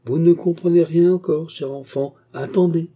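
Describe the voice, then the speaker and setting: A man's voice: on the high side, steady tone, moderate pace, dark tone, voice pushed up, close to an everyday voice. A man voicing a scheming baronet villain who poses as a kind benefactor, talking in an earnest, persuasive way in a French audiobook novel.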